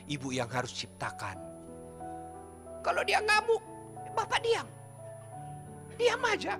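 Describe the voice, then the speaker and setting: Brief: high, animated male preacher, middle-aged, joking sermon, faint music behind. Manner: teasing, addresses listeners directly. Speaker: Islamic preacher. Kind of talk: humorous sermon to a congregation.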